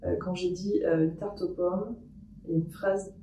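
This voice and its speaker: A woman with a mellow, darkish voice talks her way through a paranormal experiment at home, hesitant and full of pauses and restarts. She sits away from the mic in an echoey room, so her voice sounds distant and roomy. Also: fairly low pitch, steady tone, slight background noise. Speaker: paranormal investigator. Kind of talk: paranormal experiment vlog, thinking aloud.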